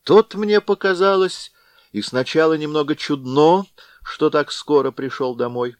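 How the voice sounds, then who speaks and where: A man's voice: a little high, unhurried, no room sound, voice pushed up, lightly acted. Chub, a man doing a grumbling sly cossack. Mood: puzzled muttering. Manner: muttering to himself, aggrieved. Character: grumbling middle-aged male cossack, sly and sulky.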